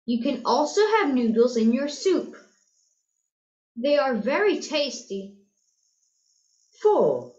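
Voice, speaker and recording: A woman narrating a course-book listening text, reading slowly and clearly for learners. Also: a little high, roomy sound, lo-fi sound. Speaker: textbook audio narrator. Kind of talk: scripted narration.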